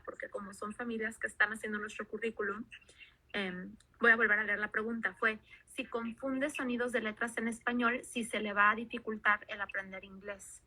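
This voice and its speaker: A woman's voice: a little high, pushed and bright, slightly rough. A woman, hosting the interview for her school and chatting as she asks questions. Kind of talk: interview talk.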